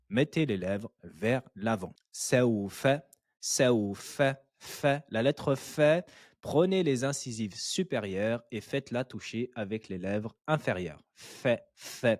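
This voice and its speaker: A man's voice: mid-range voice, a little mellow, no echo, studio quality. A man teaching Quran recitation step by step, patiently repeating syllables and encouraging the learner. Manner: patient, drills syllables slowly and repeats them; encouraging, praises the learner often. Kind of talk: step-by-step tajwid lesson.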